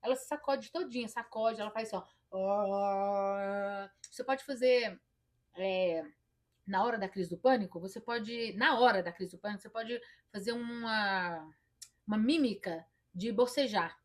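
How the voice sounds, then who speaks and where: This Brazilian Portuguese-accented woman, a therapist, uses a fairly high voice and moderate pace for her direct-to-camera advice. Her delivery is emphatic and demonstrative, and she voices her own inner thoughts aloud.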